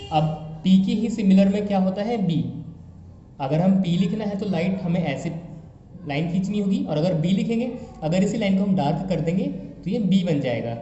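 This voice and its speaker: A man's voice: fairly high pitch, mellow, slight background noise. Man teaching shorthand in an echoey room. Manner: explains slowly, repeating each point. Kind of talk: casual step-by-step tutorial. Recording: echoey room, dull lo-fi mic.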